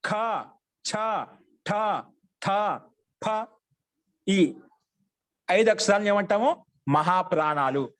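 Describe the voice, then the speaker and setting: A man teaching a Sanskrit grammar class online, repeating questions and answering them himself in a call-and-response way. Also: high voice.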